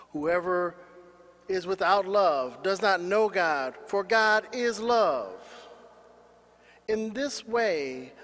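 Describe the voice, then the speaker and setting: A man reading the gospel aloud at mass in a measured, solemn way, his voice carried by a cathedral echo. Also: high-pitched, a bit bright. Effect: cathedral echo, long church reverb. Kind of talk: liturgical scripture reading. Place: large church. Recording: long reverb in a large church.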